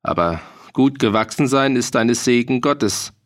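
A man's voice: mid-range voice, animated, unhurried, close to an everyday voice. Brief: male reader as a hearty mercenary, boastful and merry, talking in old dialect. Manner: hearty, bragging, dialect-heavy. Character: boastful, jolly grown male mercenary soldier. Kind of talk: audiobook reading.

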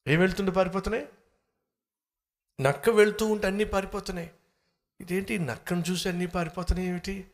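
Male preacher, sermon, emphatic, rhetorical questions, rather high voice. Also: steady tone, fairly quick, pauses often. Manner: emphatic, asks the listeners questions. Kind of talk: sermon with storytelling.

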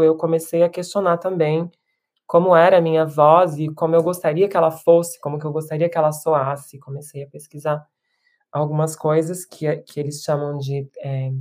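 Woman in her 30s, low mellow voice, a reflective musician interviewee. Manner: reflective, with many restarts and tag questions. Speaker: musician and performer being interviewed. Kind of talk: casual interview talk.

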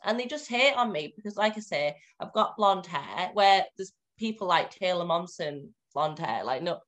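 A woman's voice: on the low side, expressive, normal speed, fairly bright tone. A woman in her twenties with a Cumbrian accent, chatting casually and informally as an interview guest. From Cumbria, northwest England. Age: 20s. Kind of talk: casual chat.

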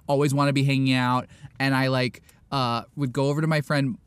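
A man's voice: mid-range voice, little pitch movement, a little fast, clean tone. A man in casual chat, telling a long rambling story full of fillers and restarts, acting out the quotes.

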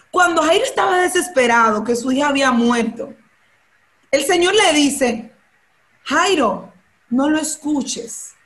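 Fervent high-voiced woman preaching. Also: a bit bright. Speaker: guest speaker.

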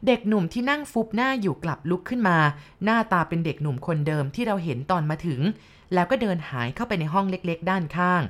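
A woman with a fairly low voice reads a ghost story aloud. Her delivery is measured and unhurried, in the style of scripted narration. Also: animated.

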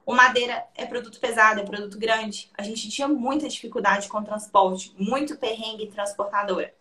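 A young woman with a Brazilian accent tells a story in casual talk, slightly high in pitch. She laughs easily and slips into quoted dialogue as she goes. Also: brisk. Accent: Brazilian Portuguese. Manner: lively, laughs often, acts out quoted dialogue. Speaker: interview guest.

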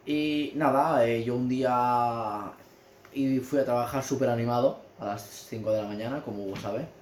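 A man from Spain telling an animated, exaggerated story in casual chat, ranting and swearing. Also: mid-range voice, moderate pace. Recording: echoey room with faint background noise.

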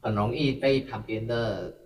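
A man's voice: on the low side, unhurried. Guy chatting, teasing, repeats himself a bit, far from the mic. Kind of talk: casual chat. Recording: distant mic.

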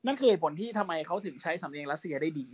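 A man in his thirties co-hosting a casual podcast chat, brash and animated, swearing freely and slipping in quick mock impressions. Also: fairly high pitch, no room sound. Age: 30s. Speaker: podcast co-host.

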